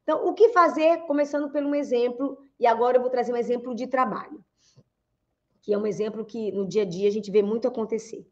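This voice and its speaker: A woman's voice: a little high, fast talker, highs cut off. A woman with a Brazilian accent coaching on communication in a lecture, asking rhetorical questions and acting out quoted speech. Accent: Brazilian Portuguese. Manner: rhetorical questions, calls listeners "gente", acts out quoted speech. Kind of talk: lecture to an audience.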